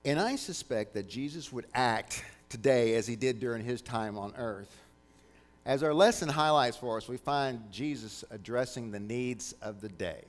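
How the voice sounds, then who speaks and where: A man's voice: mid-range voice, normal speed, long reverb tail. A man preaching a sermon as pastor, earnest and repeating key phrases for emphasis.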